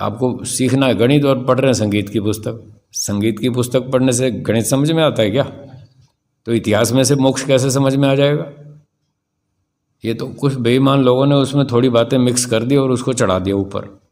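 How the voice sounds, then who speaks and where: An older man giving a spiritual discourse, emphatic and rhetorical, slowing down to stress key phrases. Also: mid-range voice, steady tone, a little mellow. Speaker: spiritual teacher. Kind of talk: spiritual discourse answering questions.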